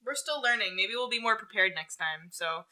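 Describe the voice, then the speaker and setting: A young woman co-hosting a podcast, chatting casually, loud and laughing with frequent swearing. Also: mid-range voice, lively intonation. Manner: loud, laughing, swearing, reads old text haltingly. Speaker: podcast co-host. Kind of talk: casual chat.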